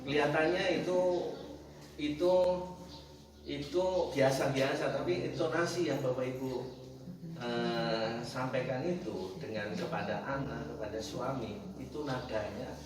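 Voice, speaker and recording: A man's voice: medium pitch, a little slow, noisy background. A man giving a conversational sermon, joking with his congregation. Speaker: preacher. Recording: echoey room, mic from a distance.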